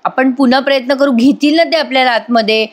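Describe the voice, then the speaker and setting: A woman's voice: high-pitched, fast, pitched above the performer's own voice, natural voice. A woman doing a pushy, wheedling young schemer. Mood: coaxing. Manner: coaxing, insistent repetitions.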